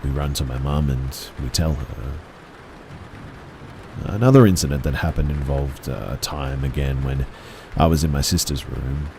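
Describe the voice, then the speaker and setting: A man reading first-person horror stories aloud in a measured, hushed storytelling manner. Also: extremely low pitch, a little hiss or hum, rough recording. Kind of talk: scripted horror narration.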